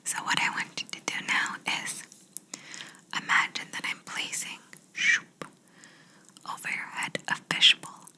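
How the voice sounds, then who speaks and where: A woman whispering slowly in an ASMR video, guiding the listener through gentle imagination questions. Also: rough recording. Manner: slow soft whisper, asking gentle questions. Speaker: ASMR creator.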